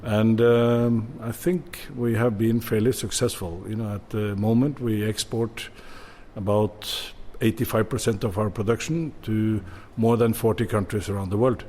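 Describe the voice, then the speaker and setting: A man's voice: fairly low pitch, fairly even intonation, a little slow, dark tone, slight background noise. A man in his sixties from Norway, a bodega owner answering interview questions with many fillers and restarts.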